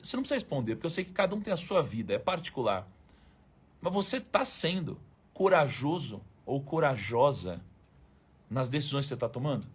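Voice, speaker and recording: A man's voice: on the high side, slightly rough. A man with a Brazilian Portuguese accent hosting a motivational live stream, talking informally and emphatically, with slang and the odd swear word aimed straight at his viewers.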